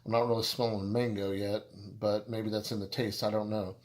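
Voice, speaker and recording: A man reviews a beer on his video channel in a casual, rambling way, halting often, restarting sentences, and filling gaps with fillers. He cracks self-deprecating jokes, and his voice is lowish with a level tone.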